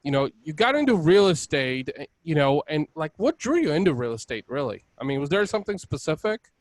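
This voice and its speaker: A man's voice: fairly high pitch, sing-song, brisk, no echo. A man from Bulgaria hosting a podcast, chatting casually and rambling with many "you know"s. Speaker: podcast host. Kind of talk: casual interview chat.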